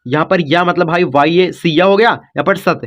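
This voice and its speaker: Man, teacher, spelling lesson, high-pitched, coaxing, repeats himself, dull lo-fi recording. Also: moderate pace, a bit bright. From India. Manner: repetitive, coaxing, says "ठीक" and "बच्चों" often.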